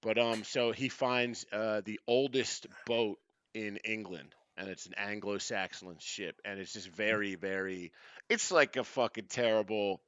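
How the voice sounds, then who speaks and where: A man's voice: on the low side, fairly even intonation, unhurried, fairly bright tone, clean tone, no room sound, highs cut off. A man hosting a casual podcast chat from a remote mic, laid-back and swearing often, laughing as he talks. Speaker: podcast host. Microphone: remote call mic.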